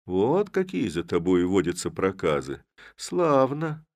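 Cocky young Cossack lad read by a man, mocking and rousing, raised and loud, lively swings, dry sound. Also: medium pitch, normal speed, no echo, pitched above the performer's own voice, lightly acted.

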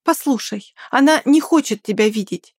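A woman reading an audiobook and voicing a bold young woman who defends her friend with sharp, threatening words. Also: fairly high pitch, normal speed, dry recording, studio quality. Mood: stern. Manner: sharp, threatening, then coaxing.

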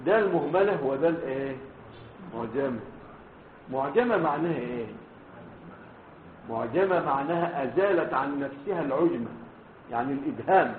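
Egyptian male sheikh, classroom hadith lecture, fairly high voice, keeps quizzing the room, echoey phone-quality recording. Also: a little hiss or hum. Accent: Egyptian Arabic. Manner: checks on students with frequent questions; spells out letters slowly and deliberately. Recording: echoey room over a tinny phone-like line.

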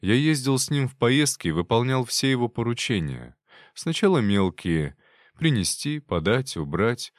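A man voicing a frightened young male servant who confesses in a halting, hesitant way, read as an audiobook character. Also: medium pitch, sing-song, dry recording, clean studio sound, natural voice. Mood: confessing.

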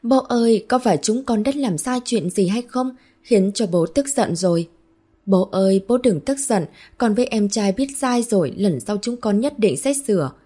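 A woman's voice: mid-range voice, animated, moderate pace, dark tone, husky, pitched above the performer's own voice. A woman voicing small children who are sweet and eager to please, speaking in a pleading, childlike sing-song.

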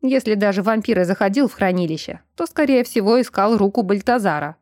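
A gruff male detective with a dry wit, read by a woman. He speaks in short, laconic lines. The recording is dry and close. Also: medium pitch, expressive, a little fast, a little mellow, no room sound, lightly acted.

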